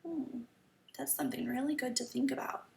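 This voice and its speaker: A woman reading a picture book aloud to children like a kids show host, stopping to ask questions and explain simply, with a creaky voice. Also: sits high, fairly even intonation, fairly quick. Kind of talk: children's story time read-aloud lesson. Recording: roomy echo, slightly distant mic.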